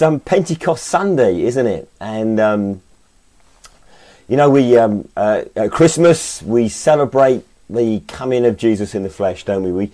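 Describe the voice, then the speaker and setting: A man with a deep voice, left croaky by a cold. He speaks as a pastor welcoming people to worship, in a soft, mellow tone. His delivery is informal and halting, with frequent little tag questions. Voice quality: croaky, slightly hoarse. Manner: hesitant and conversational, often adding tag questions. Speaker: pastor leading an online Sunday service.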